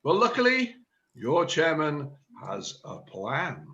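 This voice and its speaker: A man's voice: on the high side, huge pitch swings, slow pace, sharp tone, lo-fi sound, heavily acted. A man reading the part of a self-important chairman of an amateur drama group, declaiming his big plan. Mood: scheming. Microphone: video call.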